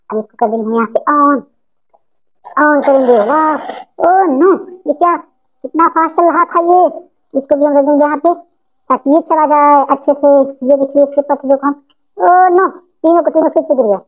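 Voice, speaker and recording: A woman's voice: sits high, steady tone, moderate pace. A woman narrating her toy play for children in a playful, exclaiming, sing-song way. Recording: dull lo-fi sound.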